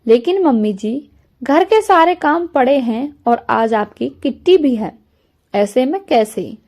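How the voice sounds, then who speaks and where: A woman's voice: sits high, animated, unhurried, a little mellow, heavily acted. A woman voicing a shy, dutiful young bride who speaks politely and eagerly in a storybook reading.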